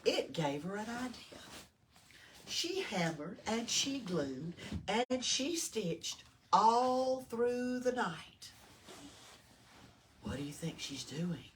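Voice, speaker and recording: Inside a library, a storytime reader with a Southern US accent and a mid-range voice reads a picture book to children with plenty of expression. She pauses to ask them questions. Picked up from afar, the audio has noticeable room noise.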